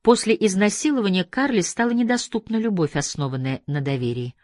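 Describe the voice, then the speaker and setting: A man reading an audiobook aloud in a measured, steady scripted narration. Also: high voice, no room sound, clean studio sound. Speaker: audiobook reader.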